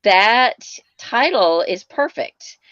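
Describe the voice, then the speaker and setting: A chatty, upbeat woman hosts a casual live-stream chat, her voice coming through a phone. The sound is muffled and dull, with no room around it at all. She is mid-pitched for a woman and often restarts her sentences. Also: expressive, very slow, fairly bright tone, no room sound. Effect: heard over a phone. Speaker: host. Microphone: phone mic. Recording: dull, dry phone audio.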